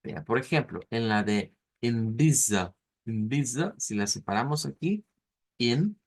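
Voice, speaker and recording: A man's voice: medium pitch, animated. A male teacher explaining pronunciation in a class, saying each word several times and breaking it into syllables. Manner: repeats words slowly, splitting them into syllables.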